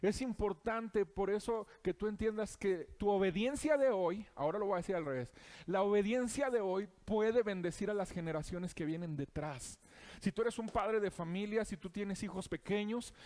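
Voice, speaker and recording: A man preaching in a notably high voice for a man. He addresses the listener directly, earnest and urging, with the steady flow of a sermon.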